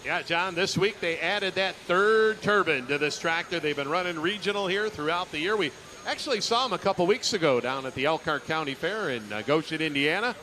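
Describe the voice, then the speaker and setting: A man's voice: fairly high pitch, animated, a little fast, sharp tone. A man giving live commentary as a tractor pull announcer at an outdoor event. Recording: noisy outdoor event with vehicles. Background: engine and outdoor noise.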